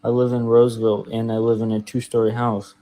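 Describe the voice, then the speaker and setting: A man talking through a voice changer that drops his pitch, sounding confused and accusing. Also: monotone, quick pace, warm tone. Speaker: clip of a caller on a live stream. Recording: dry, tinny phone-like playback.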